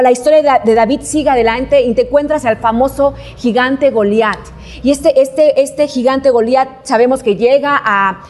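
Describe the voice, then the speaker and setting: A woman's voice: high voice, darkish tone. A woman preaching a sermon, telling a Bible story and asking the listeners questions.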